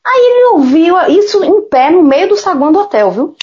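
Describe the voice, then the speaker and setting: A woman's voice: extremely high pitch, normal speed. A woman from Salvador, Brazil, a singer telling a story in casual chat, acting out the voices of the people in it and swearing freely. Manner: animated, acts out quoted dialogue, swears casually. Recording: dull lo-fi recording.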